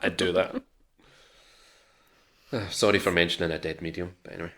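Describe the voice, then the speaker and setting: A man's voice: low-pitched, fairly even intonation, a little fast, pushed and bright. A man with a Scottish accent, co-hosting a podcast in casual, self-mocking chat. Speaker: podcast co-host.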